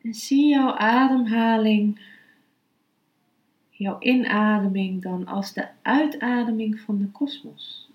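A woman speaking as a meditation and philosophy teacher, calm, unhurried and instructive. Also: on the high side, muffled recording. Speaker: yoga philosophy and meditation teacher, podcast host. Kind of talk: spoken lesson, then slow guided meditation. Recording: roomy, echoing sound.

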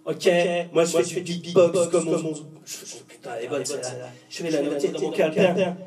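A man's voice: on the high side, fairly quick, crowd noise. A man, a beatboxer, improvising jokes and playing with the echo inside a cave. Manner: playful, clowning. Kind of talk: improvised joking with cave echoes. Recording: echoey cave, from far off.

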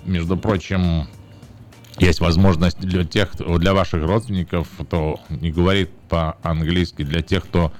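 A man's voice: low voice, flat delivery, measured pace, darkish tone, soft background music. A man co-hosting a casual radio talk show, teasing and sarcastic as he asks listeners to call in. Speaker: radio host.

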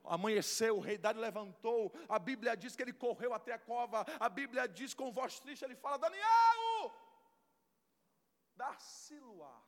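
Fervent high-voiced man preaching in a hall. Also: normal speed, few pauses. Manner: fervent, swings from hushed to shouting. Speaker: pastor. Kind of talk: preaching sermon. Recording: long hall reverb.

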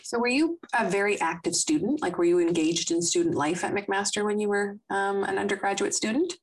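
A woman's voice: mid-range voice, a little fast. Casual woman host asking questions. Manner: conversational, with casual fillers. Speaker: podcast host. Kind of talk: interview questions.

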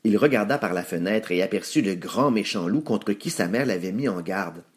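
A man narrating a children's story aloud in an expressive read-aloud manner. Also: lowish voice, normal speed, noisy background.

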